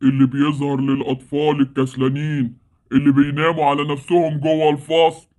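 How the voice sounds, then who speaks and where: A man's voice: fairly high pitch, flat delivery, fast talker, darkish tone, close to an everyday voice. An actor with an Egyptian Arabic accent playing a menacing male sleep monster who kidnaps lazy children, scolding and gloating. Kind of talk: Roblox story series acting.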